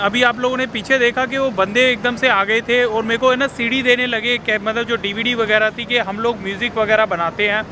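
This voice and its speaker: An Indian man in his thirties talks chattily to a camera held at arm's length, his voice sitting fairly high. Clear traffic and street noise run behind him out in the city. He mixes English phrases into an easy travel-vlog ramble. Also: a bit bright. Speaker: travel vlogger. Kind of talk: casual vlog narration to camera. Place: busy city street and subway station outdoors. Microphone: handheld camera at arm's length.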